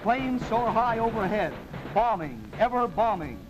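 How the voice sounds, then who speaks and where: A man's voice: high voice, animated, measured pace, loud music behind the voice, low-quality recording. Man narrating an old newsreel. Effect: old 1930s newsreel narration played from archive. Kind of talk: dramatic newsreel commentary.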